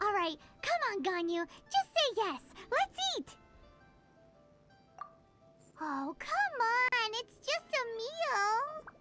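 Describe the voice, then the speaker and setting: Tiny squeaky game fairy, super high, bouncy pitch, pushy and cheerful, music behind. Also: female voice, big pitch swings, slow pace, long pauses, sharp tone, full character voice. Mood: coaxing. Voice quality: squeaky, childlike.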